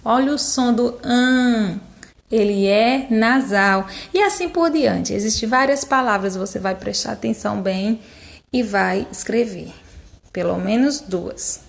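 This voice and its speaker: A woman's voice: mid-range voice, vocal fry. A woman teacher, patiently explaining a workbook to young children and stretching out syllables to model the sounds. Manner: drawn-out syllables to model sounds, affectionate diminutives.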